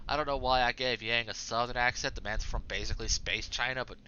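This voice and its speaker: A man's voice: mid-range voice, fairly even intonation, fast, pushed and bright, dull audio, slight background noise. A man hosting a let's play, giving exasperated, casually profane commentary on the game. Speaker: gaming channel host.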